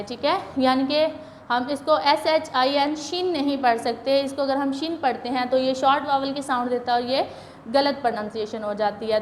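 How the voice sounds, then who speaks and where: A woman with a Pakistani accent, teaching an English reading lesson in a patient, explanatory way and spelling words out slowly. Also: high voice, a little hiss or hum.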